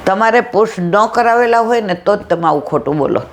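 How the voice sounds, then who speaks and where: A woman delivers a devotional satsang talk in a middle-pitched voice. She moves through everyday anecdotes, slips into the voices of the people in her stories, and presses her listeners with rhetorical questions. A faint background hiss sits under the recording. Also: expressive, fairly quick. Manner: storytelling, acting out dialogue, rhetorical questions. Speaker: satsang speaker.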